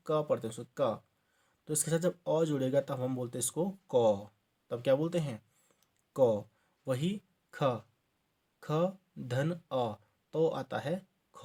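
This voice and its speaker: A man's voice: a little high, dark tone. A man, from Uttarakhand by accent, teaching an exam-prep grammar lesson, explaining step by step, restarting words and checking in with "okay" as he goes. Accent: Hindi from Uttarakhand.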